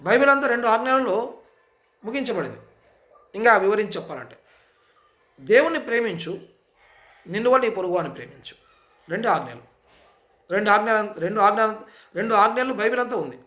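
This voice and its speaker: A man with a notably high-pitched voice delivers an impassioned sermon. He presses his points with repeated rhetorical questions and insistent appeals. His speech. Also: big pitch swings, fairly quick, pauses often, sharp tone.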